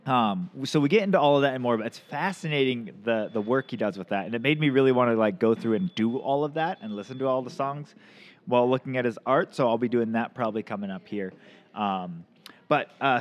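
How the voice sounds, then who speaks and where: A man's voice: medium pitch, animated, a little fast. A man in his thirties hosting a podcast in a casual, chatty way, rambling with lots of ums and restarts. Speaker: podcast host.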